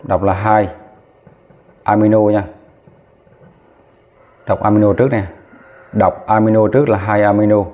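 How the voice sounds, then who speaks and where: A male chemistry teacher with a fairly low voice works through each step, counting out loud and stopping to fix his own slips. The sound is thin and tinny, as if through a phone. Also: little pitch movement, a little slow, long pauses. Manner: talks while writing, counts aloud, corrects himself mid-step. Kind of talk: lesson at a whiteboard.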